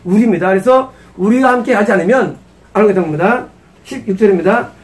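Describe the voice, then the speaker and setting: A man's voice: high voice, brisk, far from the mic. A man preaching an expository sermon as pastor. He asks rhetorical questions and acts out Moses and God.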